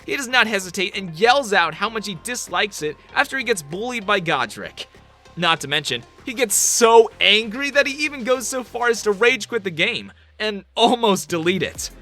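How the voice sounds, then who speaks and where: A man's voice: high-pitched, very animated, normal speed, pushed and bright, faint music behind. A man reading scripted countdown narration for a video compilation in an upbeat delivery.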